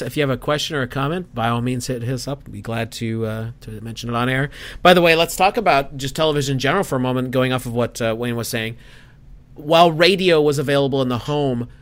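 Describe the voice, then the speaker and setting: A man in his forties hosting a casual live stream, conversational, reading out viewer messages between topics. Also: medium pitch. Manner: conversational, reads super chats.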